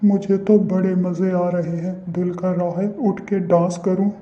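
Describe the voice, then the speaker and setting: A man's voice: high voice, level tone, unhurried, mellow. A man voicing a bragging young man in a cartoon who mocks and teases constantly. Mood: mocking. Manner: mocking, bragging. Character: boastful, teasing young man who calls himself handsome. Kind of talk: cartoon voice acting. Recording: roomy, dull lo-fi recording.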